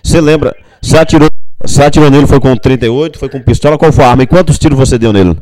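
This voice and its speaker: Brisk radio presenter, dark voice. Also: male voice, medium pitch. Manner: brisk, interrupting with questions. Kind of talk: radio news interview.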